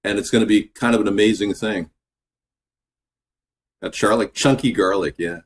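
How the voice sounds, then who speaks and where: A man hosting a casual home cooking video in his kitchen, chatting in a relaxed, rambling way that drifts off topic. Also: on the low side, normal speed. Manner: relaxed, filler-heavy talk. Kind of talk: casual cooking vlog chat.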